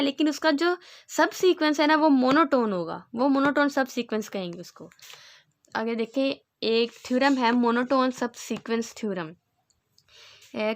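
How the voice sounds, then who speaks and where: A woman teaching a mathematics lesson, explaining step by step, reading definitions out slowly and often checking in with her students. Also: on the high side. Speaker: math teacher. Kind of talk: classroom lecture.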